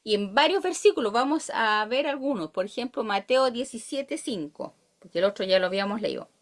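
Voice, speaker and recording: A Chilean woman teaches a church Bible study in a lively, swooping voice. Her pitch sits in a middle range. She reads verses aloud and keeps asking her listeners questions. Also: quick pace.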